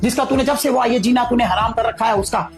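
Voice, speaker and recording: A woman's voice: fairly high pitch, fast talker, over music, lightly acted. A woman playing a stern middle-aged mother who lectures her daughter with emphatic repetition. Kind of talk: family drama acting.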